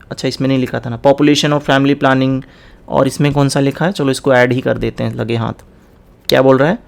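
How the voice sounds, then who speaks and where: Young male exam tutor with a slightly high voice who code-switches in a relaxed lecture style and reads questions deliberately. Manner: mixes Hindi and English, reads questions slowly and deliberately. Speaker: exam prep teacher.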